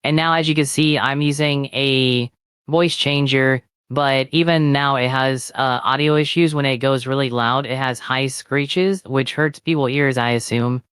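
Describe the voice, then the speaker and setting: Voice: mid-range voice, fairly even intonation, measured pace, a bit bright, clear, resonant tone, dry recording, clean studio sound. VTuber talking through a voice changer. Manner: candid, a bit self-conscious. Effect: voice changer disguising the real voice. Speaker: VTuber co-host. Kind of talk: casual podcast chat.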